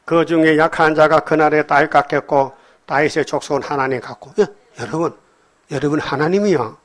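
A man preaching to his congregation, reading scripture aloud and breaking it down in blunt, everyday talk. He keeps prodding his listeners with quick questions. His voice leaps into loud emphatic bursts, then sinks into low murmured remarks. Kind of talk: sermon. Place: church hall with congregation.

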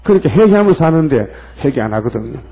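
Man preaching hard, husky dark voice, asks the crowd stuff, muffled lo-fi recording. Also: medium pitch, very animated, fast. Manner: emphatic, asks the listeners pointed questions. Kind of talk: sermon. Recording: dull lo-fi recording.

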